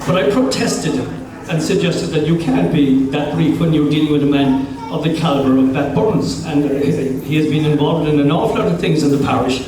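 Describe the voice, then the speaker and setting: A man with an Irish accent giving a public tribute speech in a deliberate way, repeating phrases for emphasis. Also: a little high, background noise. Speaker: tribute speaker. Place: hotel function room with live audience. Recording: very echoey hall from far off.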